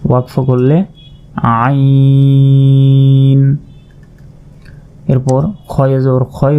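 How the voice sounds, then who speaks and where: A man teaching Quran recitation in a slow, methodical lesson, spelling out letters and vowel marks, then drawing out each word. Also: mid-range voice. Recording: dull lo-fi recording.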